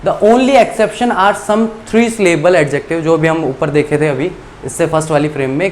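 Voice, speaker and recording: A man teaching English grammar in a classroom-style lesson, explaining rules step by step and reading the English lines aloud slowly. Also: sits high, slight background noise.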